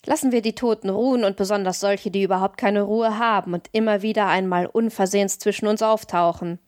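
A woman voicing a gruff, good-natured old male forester in an audiobook, with folksy, blunt talk. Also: mid-range voice, fairly even intonation, brisk, a little mellow, no room sound, studio quality, close to an everyday voice. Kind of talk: audiobook reading.

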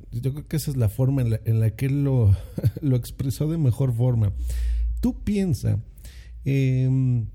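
Guy rambling on his podcast, gravelly and husky, dark mellow voice, condenser mic at home. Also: medium pitch. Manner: relaxed, rambling with many fillers and tag questions. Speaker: podcast host. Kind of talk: casual solo podcast talk. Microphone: condenser microphone.

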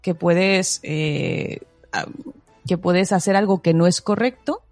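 Lively storytelling woman, lowish voice. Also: slow pace, no room sound, faint music behind. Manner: animated storyteller, acts out quotes with laughter. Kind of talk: casual parenting chat.

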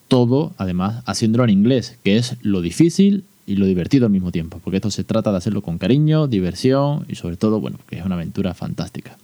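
Dark-voiced chatty man. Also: fairly low pitch, no room sound. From Spain. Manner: ironic, chatty, many fillers. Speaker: podcast host. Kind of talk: casual solo podcast talk.

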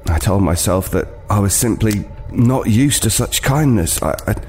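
With a fairly low, slightly mellow voice, lively intonation, and a moderate pace close to ordinary speech, a man speaks over slight background noise. He acts as a haunted homeless man narrating a horror story in the first person for an audio drama, uneasy and brooding, stumbling as he hesitates.

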